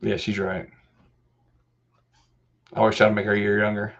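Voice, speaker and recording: A man in his fifties hosts a live help desk stream, answering questions step by step in a casual way with many restarts. His lowish voice is gravelly and completely flat at a normal speed, with the highs cut off.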